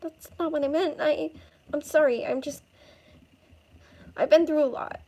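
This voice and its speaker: A woman voicing an anxious young woman who is defensive and prickly, talking in a high-strung, snappish way. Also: huge pitch swings, a little slow, vocal fry, dark tone, exaggerated voice.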